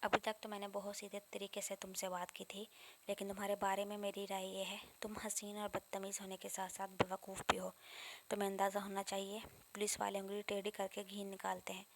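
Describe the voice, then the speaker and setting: A woman's voice: mid-range voice, completely flat delivery, a little hiss or hum, close to an everyday voice. A woman narrator voicing a brash, confident young male police officer who teases and talks with self-assurance. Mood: teasing.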